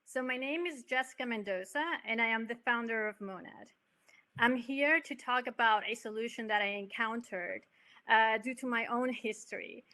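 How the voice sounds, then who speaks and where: A woman from Venezuela presents her startup in a business pitch, speaking steadily with occasional hesitations. Her voice sits a little high and rings bright. She is heard over a remote call. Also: normal speed.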